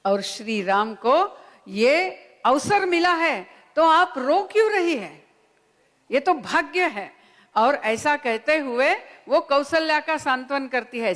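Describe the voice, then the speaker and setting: Woman lecturer, fairly high voice, retells scripture slowly in a hall with a long reverb. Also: a bit bright. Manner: unhurried storytelling with quoted dialogue. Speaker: speaker at a Ramayana conference. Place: conference hall.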